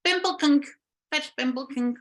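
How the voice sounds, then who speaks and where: A woman putting on a tiny mischievous witch from a told fairy tale, her voice perched high and singsong. She sounds playful and impish, light as a bird on a swing. Her pitch sits well above the teller's own. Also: normal speed, close to an everyday voice.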